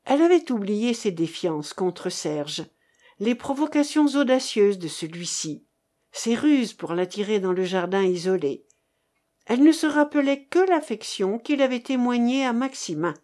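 Slow, mellow woman narrating a novel. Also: a little high, lively intonation.

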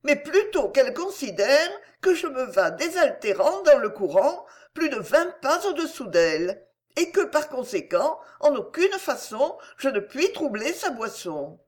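A woman's voice: high voice, very animated, measured pace, pitched above the performer's own voice. A woman voicing a timid, innocent little girl in a read-aloud story. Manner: timid and gentle. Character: sweet, innocent little girl reciting fables.

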